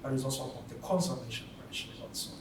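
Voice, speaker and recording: A man speaking from the audience at a panel, halting and searching for words with many fillers. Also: mid-range voice. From Tanzania. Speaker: audience member. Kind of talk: spoken remarks at a panel discussion. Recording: very echoey hall from far off, noisy.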